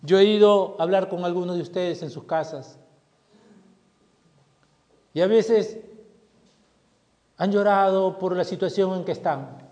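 A man preaching a sermon as pastor, impassioned, swelling loud and then dropping low. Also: a little slow, long pauses. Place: church hall. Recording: long hall reverb.

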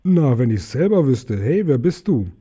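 Dim, overfed troll, grumbling, dark mellow voice, as a male reader puts him on. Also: mid-range voice, sing-song, moderate pace, breathy edge.

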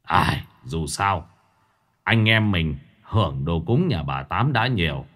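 A man voicing the gruff, righteous leader of a small ghost gang, giving orders in a ghost story. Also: on the low side, a bit bright, full character voice. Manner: commanding, slow and weighty.

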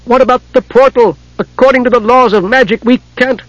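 A man's voice: extremely high pitch, fairly even intonation, fairly quick, no echo, dull audio, voice pushed up. A man voicing an earnest young male mage who is tense and anxious.

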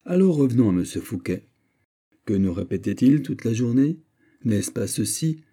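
A man voicing a witty, playful poet who argues with quick teasing replies in an audiobook. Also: mid-range voice, expressive, mellow, close to an everyday voice. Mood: arguing. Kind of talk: audiobook character voice.

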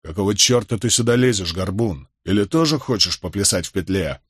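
A man's voice: on the low side, expressive, fairly quick, slightly rough, no room sound. A surly guard with a halberd barks out short, scornful questions, as a male narrator voices him. The delivery is curt and mocking. It sounds dry and close to the mic. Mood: gruff scorn. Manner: brusque, mocking. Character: gruff rude soldier with a halberd.

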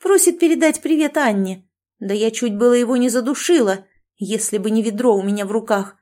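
A woman's voice: on the high side, brisk, dark tone, natural voice. Woman voicing Nonna, a bossy scolding friend. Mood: indignant. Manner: lecturing, commanding, sarcastic. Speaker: language teacher.

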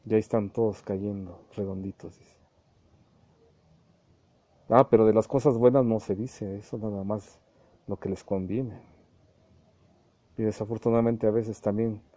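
Male medium, very mellow dark timbre, dry close sound, channeled sermon with acted-out dialogues. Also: lowish voice, no room sound. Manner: addresses listeners as little brothers, repeats himself, acts out quoted dialogues. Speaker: spiritualist medium preaching.

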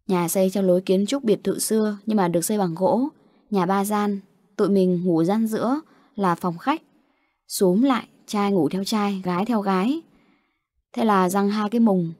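A woman reads a spoken ghost story in a steady, even storytelling manner. Her voice sits at an ordinary middle pitch. The recording is dry, with no room sound. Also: no echo. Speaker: audiobook narrator. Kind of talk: scripted story narration.

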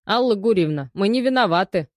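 A woman reading the part of an indignant male police operative, loud and defensive. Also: mid-range voice, animated, a little fast, dry recording, clean studio sound, pitched above the performer's own voice, natural voice.

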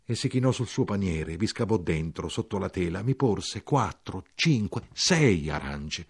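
A man reading a literary novel aloud as an audiobook narrator, measured and expressive. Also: deep voice, slightly rough. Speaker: audiobook reader.

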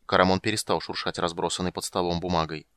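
Guy reading an audiobook, really low voice, dry close sound. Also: level tone, fast talker, fairly bright tone, clear, resonant tone, no echo. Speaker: audiobook narrator. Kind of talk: scripted narration.

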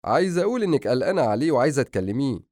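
A man doing a lively, joking Egyptian brother. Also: mid-range voice, very fast, dry recording, clean studio sound, voice pushed up, close to an everyday voice. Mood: playful. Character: playful joking young man, warm brother.

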